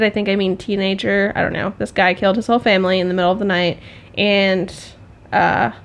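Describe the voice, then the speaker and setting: A woman's voice: mid-range voice, vocal fry. A woman co-hosting a podcast, chatting casually, laughing often and poking fun at herself. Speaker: podcast co-host.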